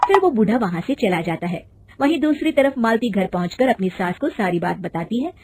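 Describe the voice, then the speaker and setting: A woman narrating a cartoon story in a steady, plain way. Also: medium pitch, brisk, breathy edge, soft background music.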